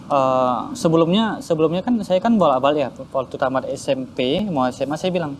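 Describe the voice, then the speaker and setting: Guy telling his life story casually, pretty animated, acts out his folks, kinda high voice, loud traffic noise behind. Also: brisk. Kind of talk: casual spoken testimony.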